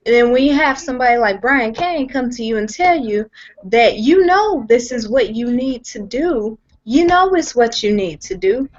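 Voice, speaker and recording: A young woman on a video call from home shares her personal testimony in a voice on the high side, with lively intonation and a moderate pace. She is earnest and emphatic, often repeating herself and restarting sentences. The audio is dull, lo-fi video call sound.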